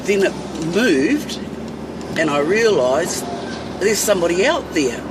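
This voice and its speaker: A middle-aged New Zealand woman vlogs from inside a van stuck in traffic, ranting bluntly and swearing at her phone camera as she drives. Her lowish voice swings widely in pitch, and she speaks slowly and fiercely. The distant phone mic picks up heavy road noise.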